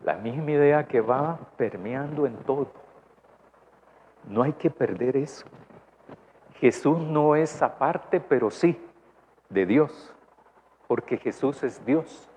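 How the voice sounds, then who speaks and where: Salvadoran pastor, chatty sermon, dull recording. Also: male voice, mid-range voice, takes it slowly, long pauses, a little mellow, husky. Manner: asks the congregation questions, tag "¿verdad?". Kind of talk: conversational sermon. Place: church. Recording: dull lo-fi church recording, faint noise.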